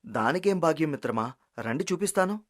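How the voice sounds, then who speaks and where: A voice actor playing a humble, kind-hearted young village man in an animated story, gentle and pleading. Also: mid-range voice, a little fast, close to an everyday voice. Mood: grateful. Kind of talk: storybook cartoon voice acting.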